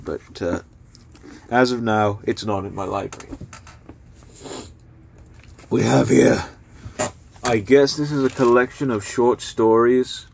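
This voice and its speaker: A man's voice: lowish voice, creaky, slight background noise. A young man casually talking through books he is giving away, rambling with lots of fillers. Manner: rambling, filler-heavy, unhurried. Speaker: book vlogger. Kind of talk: casual spoken book review.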